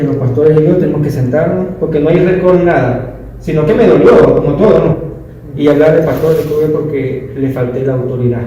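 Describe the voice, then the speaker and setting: A man's voice: fairly high pitch, mellow, slight background noise. A man in his thirties giving a personal testimony to a class, telling it emphatically and often correcting himself mid-sentence. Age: 30s. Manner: emphatic, storytelling, self-correcting. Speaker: leadership class participant. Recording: very echoey room, distant mic.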